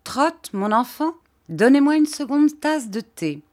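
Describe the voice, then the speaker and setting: A woman's voice: high-pitched, big pitch swings, a little slow, darkish tone, voice pushed up. A woman voicing a stern, imperious old aunt. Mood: brusque. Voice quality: clipped, imperious. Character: stern, brusque elderly aunt, commanding and upright.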